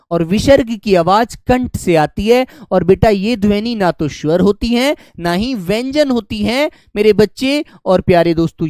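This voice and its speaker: A man teaching an online grammar class, fondly calling his students "beta" and repeating key words slowly for them to write down. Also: high-pitched, clear, resonant tone, dry recording. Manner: affectionate, calls students "beta" and "my dear children".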